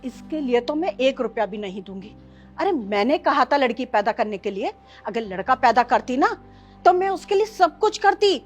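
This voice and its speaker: A woman playing a bitter, contemptuous grandmother and mother-in-law who scolds her family with sharp commands, in a family short film. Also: high voice, big pitch swings, normal speed, soft background music. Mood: scolding. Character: harsh, bitter grandmother who scorns girls.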